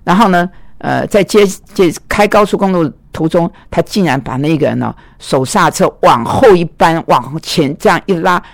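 A man teaching biblical counseling, telling anecdotes in an animated way and voicing quoted dialogue. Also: fairly high pitch, moderate pace, vocal fry, dry recording, studio quality. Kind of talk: lecture with personal anecdotes.

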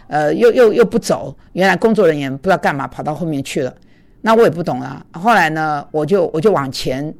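A woman telling a personal story in a casual devotional talk, animated and chatty, with many fillers. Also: low-pitched.

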